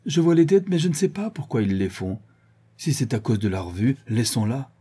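A man voicing a lively, teasing young woman from a storybook, speaking in a raised, bright voice. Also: mid-range voice, moderate pace, slightly rough, pitched above the performer's own voice. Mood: playful.

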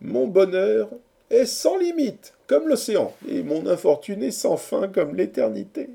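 A man voicing a lovesick, theatrical young gentleman in a storybook reading, pleading and declaiming in a raised voice. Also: high-pitched, lively intonation, a little slow, creaky, voice pushed up, exaggerated voice. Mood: declamatory.

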